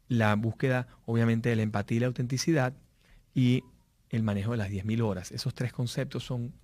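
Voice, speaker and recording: A man's voice: medium pitch, darkish tone, no echo. Man, motivational business speaker, anecdotal and casual, dry recording. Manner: storytelling, frequent fillers and restarts.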